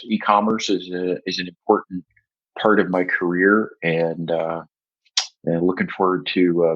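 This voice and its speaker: Low husky older man, measured. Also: fairly bright tone. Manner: measured, with frequent "uh" fillers. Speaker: guest, software agency founder. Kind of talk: podcast interview answers. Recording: dull lo-fi audio.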